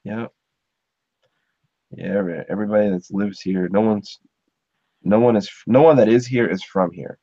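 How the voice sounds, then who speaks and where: A man's voice: fairly low pitch, normal speed, pauses often, warm tone, no room sound. A man from Ohio chatting casually as a podcast host, rambling with lots of fillers. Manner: rambling, filler-heavy, chuckling. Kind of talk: casual chat. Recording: dull muffled sound.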